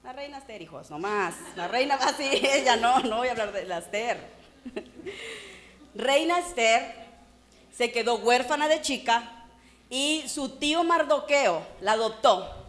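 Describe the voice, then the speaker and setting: Animated woman pastor preaching. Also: a little high, measured pace. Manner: animated preaching, acts out quoted voices. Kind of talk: sermon. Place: church.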